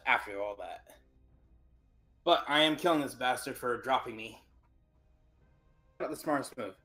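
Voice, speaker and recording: Man, tabletop game player, casual chat, medium pitch, bright forceful tone. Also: unhurried, soft background music.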